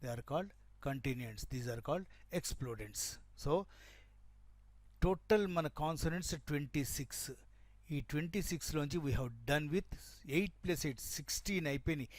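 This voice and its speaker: Drawing each shorthand stroke as he goes, a man walks his class through it step by step in a blend of Telugu and English, repeating terms and asking "right?" to make sure they keep up. His voice is a little high and a little slow, with lively intonation and no echo.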